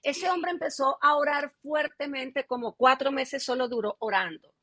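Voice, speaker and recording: A woman's voice: sits high, moderate pace, pushed and bright, no echo. A middle-aged woman pastor, telling her testimony in an interview and acting out the dialogue she quotes.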